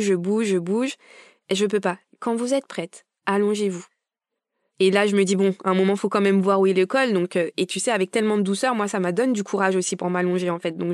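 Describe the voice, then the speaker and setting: A woman's voice: medium pitch, no echo, clean studio sound. A young adult woman telling her birth story casually, acting out the dialogue with emotion. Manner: animated, acts out quoted dialogue. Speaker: podcast guest.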